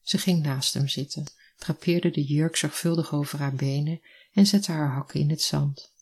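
A narrator reading a literary story in a calm, measured way. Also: mid-range voice, slightly rough.

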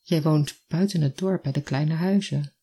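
A husky-voiced reader voicing a blunt young village man who loves birds, speaking plainly and earnestly in a read story. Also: medium pitch, normal speed, mellow.

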